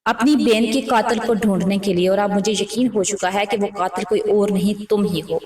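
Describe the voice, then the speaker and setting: A woman's voice: mid-range voice, steady tone, darkish tone, close to an everyday voice. Narrator voicing an accusing young woman, harsh tone, roomy echo, distant mic. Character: grieving angry young woman seeking truth.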